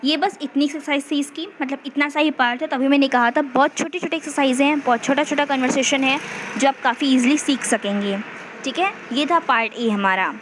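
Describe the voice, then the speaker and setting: A woman's voice: high-pitched, a little fast, background noise. A woman teaching an online language lesson, patiently explaining in Hindi and English and reading dialogue aloud. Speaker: French teacher.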